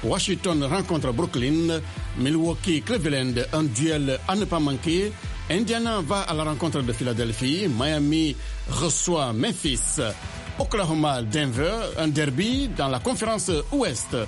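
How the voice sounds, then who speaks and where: A man reading the sports news on radio in a brisk announcer style. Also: fairly high pitch, expressive, faint music behind.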